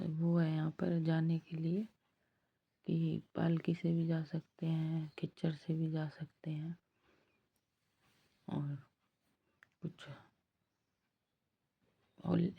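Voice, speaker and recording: A woman vlogger narrating her pilgrimage walk in a soft, devout way. She has a husky, strained voice from ongoing throat trouble. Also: sits low, completely flat delivery, no echo, lo-fi sound. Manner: slow, soft-spoken and devout. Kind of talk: travel vlog voice-over.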